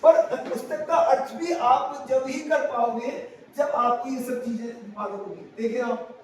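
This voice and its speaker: A man teaching English grammar in a classroom lesson, slowly and with lots of repetition, asking questions and answering them himself. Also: extremely high pitch. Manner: slow and repetitive. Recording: very echoey room, from far off, faint noise.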